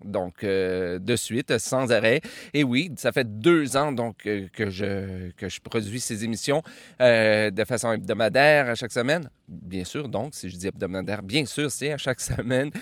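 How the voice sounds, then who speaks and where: A man from Quebec with a Québécois French accent, hosting a music podcast in a relaxed, rambling way, with many filler pauses. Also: fairly low pitch, no echo. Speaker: podcast host. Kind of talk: casual radio-style show introduction. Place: outdoors by a river.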